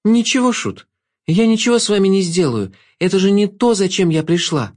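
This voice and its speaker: Storybook heroine: a firm, defiant young girl with a raised, high voice, played by a man. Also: lively intonation, normal speed, darkish tone. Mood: calm, firm.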